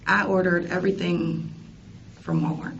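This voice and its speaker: Answering police questions with tentative matter-of-factness, a young woman speaks at normal speed in a lowish, steady voice with vocal fry. The interview room recording, taken on a distant mic, sounds distant, muffled, and noisy.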